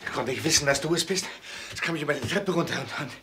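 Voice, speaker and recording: An actor playing a nervous male accomplice who talks in a hurried, defensive way, in a 1970s TV crime drama. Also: a little high, recorded from a distance, natural voice. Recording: echoey room with clear hiss.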